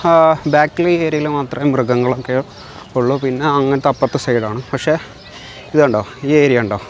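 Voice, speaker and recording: A man's voice: medium pitch, fairly even intonation, brisk. A Malayali man giving casual vlog commentary outdoors, slipping English words into his Malayalam as he talks. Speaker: vlog host. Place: outdoors in a zoo park. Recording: clear outdoor ambient noise, birds.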